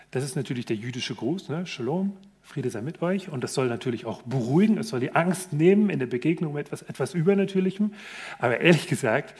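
A man preaching a sermon in a relaxed, conversational storytelling way, acting out quoted speech and coughing now and then. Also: on the high side. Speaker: pastor.

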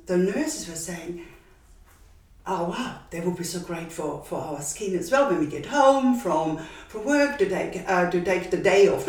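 An older woman with an Austrian accent recounts how her business began, pausing often on "um" and "uh" and circling back mid-sentence. She is recorded a little way off the microphone in an echoey room, so her voice carries a roomy tail. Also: lowish voice, a little mellow. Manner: hesitant, many fillers and restarts. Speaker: business founder. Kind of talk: interview storytelling. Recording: echoey room, distant mic.

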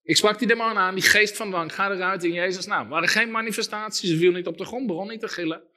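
A man's voice: high-pitched, fast, bright, forceful tone. A man preaching a sermon, telling stories with quoted dialogue and listing things emphatically.

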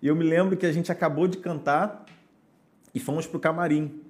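A man's voice: fairly high pitch, fairly even intonation, moderate pace, darkish tone. Earnest Brazilian pastor telling his testimony. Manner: earnest, preacherly storytelling. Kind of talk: podcast testimony.

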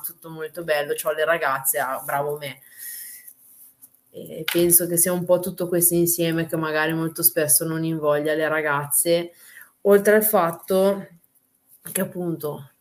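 Female, quite low register; frank, slangy interviewee in casual conversation. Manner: informal, blunt, slangy. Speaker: wrestler and guest.

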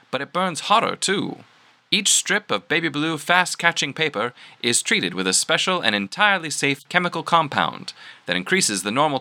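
A man doing a bright, cheery radio ad announcer. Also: heavily acted. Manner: smooth, upbeat salesman pitch. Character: cheery male radio announcer selling cigarettes.

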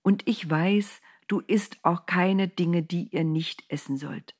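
A gentle, patient male angel speaks in hushed, breathy whispers, slow and calm, as a woman storyteller puts him on. The tone sits on the low side and stays airy throughout the storybook telling. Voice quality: soft whisper.

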